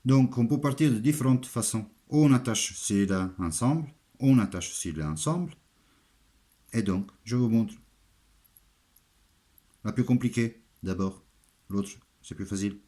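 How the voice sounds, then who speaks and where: An Italian man speaking French with a foreign, Italian accent, giving a halting, step-by-step hands-on craft demonstration in simple, repeated phrases. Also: medium pitch, warm tone. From Italy. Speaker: armourer giving a craft tutorial.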